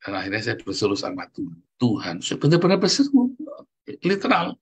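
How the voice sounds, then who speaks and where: A man's voice: fairly low pitch, wildly swooping pitch, fairly quick, breathy edge, lo-fi sound. A middle-aged man preaching a sermon as a pastor, speaking emphatically and constantly addressing the congregation.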